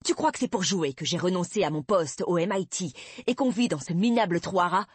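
A woman voicing an angry middle-aged father in an audiobook, loud and accusing. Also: fairly low pitch, expressive, brisk, breathy edge, dry recording. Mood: furious.

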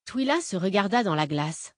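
A woman's voice: mid-range voice, big pitch swings, normal speed, no echo. Woman reading an audiobook, dry sound. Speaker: narrator. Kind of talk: audiobook narration.

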